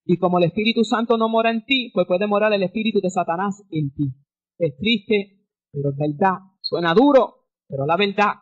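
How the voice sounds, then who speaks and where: A woman's voice: mid-range voice, normal speed, muffled recording. A woman pastor giving a fervent radio testimony sermon, breaking into praises between her story.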